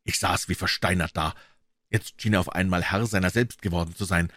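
A man reading a classic story aloud as audiobook narration, in a dramatic, expressive way. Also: low-pitched, a little fast, no echo, studio quality. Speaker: audiobook reader.

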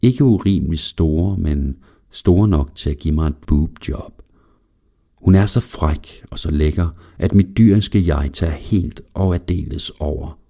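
Deep-voiced man reading a story. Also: warm tone. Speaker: narrator. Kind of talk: scripted narration of an erotic story.

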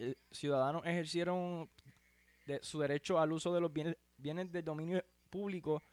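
A man's voice: a little high, darkish tone, no room sound. A man with a Puerto Rican accent giving rambling, heated, slangy commentary as host of his own show. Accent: Puerto Rican Spanish. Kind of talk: casual commentary.

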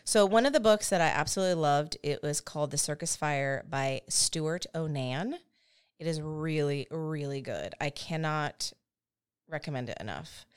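A woman in her thirties hosts a podcast, telling a history story in a chatty, self-deprecating way and laughing frequently. Her voice is low-pitched, clear and resonant, at a normal speed.

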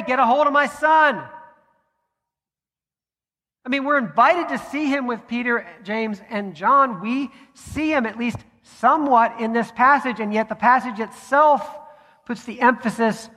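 A man preaching a sermon as pastor, measured, with deliberate pauses. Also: extremely high pitch, pushed and bright. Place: church sanctuary. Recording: long hall reverb.

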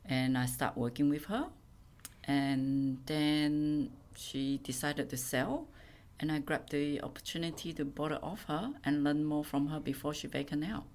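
Singaporean woman, middle-aged, very deep voice, halting casual interview talk. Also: fairly even intonation, darkish tone. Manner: halting, plain phrasing. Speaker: guest, venue owner.

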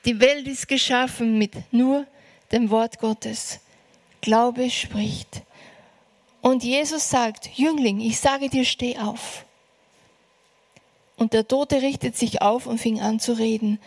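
A woman preaching a sermon, earnest and encouraging, slowing down for emphasis. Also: fairly high pitch, fairly even intonation, darkish tone.

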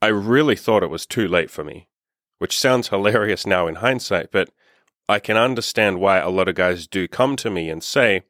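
Male, 30s, coach type. Deep voice, dry close sound, frank and profane, upbeat podcast chat. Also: moderate pace, a bit bright, no echo. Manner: candid, upbeat and heavily profane. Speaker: dating and self-improvement coach. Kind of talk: casual podcast monologue.

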